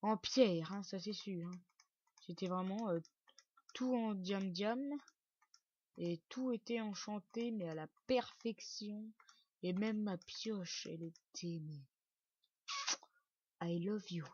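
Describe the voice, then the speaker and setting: Slow-talking joking man, dull lo-fi sound. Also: sits high, darkish tone, no room sound. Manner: chatty and joking, casual swearing, many fillers. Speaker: video game building tutor. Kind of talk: casual gameplay tutorial commentary. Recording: dull lo-fi dry recording.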